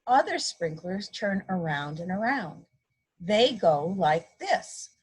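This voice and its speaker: In a low-quality recording, a guest reader who is a mother reads a picture book to young children, giving simple teacherly explanations and playfully performing sound effects. She speaks slowly and very animatedly in a husky voice on the low side.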